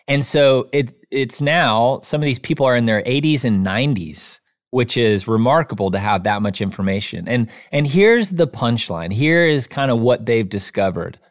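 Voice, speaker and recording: A man's voice: medium pitch, lively intonation, moderate pace. A man, an author being interviewed, who talks earnestly in a storytelling way and often says "you know". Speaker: author and guest. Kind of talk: casual interview chat.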